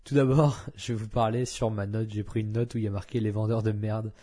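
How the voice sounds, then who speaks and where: A man's voice: lowish voice, fairly even intonation, a little fast, warm tone. A man hosting a solo podcast, talking casually and frankly with many fillers and restarts. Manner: blunt and frank. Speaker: podcast host.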